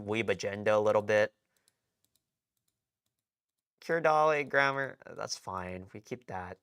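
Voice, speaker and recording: A man's voice: lowish voice, a bit bright, clear, resonant tone. A man chatting on a late-night live stream, rambling in slang and often cutting himself off mid-sentence. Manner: rambling, slangy, self-interrupting.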